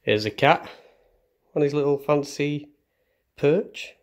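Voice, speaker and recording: A young male vlogger with a fairly high voice speaks slowly as he gives a casual tour of his house. Filming on a handheld phone, he walks through the rooms indoors, chatty and self-deprecating.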